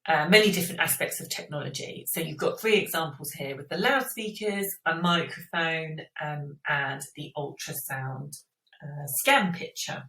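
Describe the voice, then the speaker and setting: A female teacher walks through a school science revision topic step by step, informally checking in with the listener. Her low voice has a fairly bright tone, and the distant mic adds a roomy echo.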